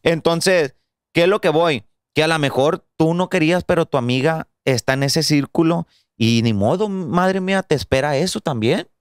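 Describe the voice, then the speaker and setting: Slangy Mexican guy with a smooth voice. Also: on the high side, moderate pace, no echo, clean studio sound. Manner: slangy, swears often, lectures with advice. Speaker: podcast co-host. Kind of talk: casual crude banter.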